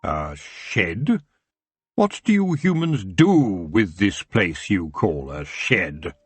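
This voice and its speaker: A man reading an audiobook, voicing a huge, menacing male elf king who talks slowly and smoothly. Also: deep voice, big pitch swings, dry recording, faint music behind, voice pushed down, full character voice. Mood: silky, intrigued. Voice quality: smooth, drawling. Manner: slow, lazy and silky, turning cold. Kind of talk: audiobook character voice.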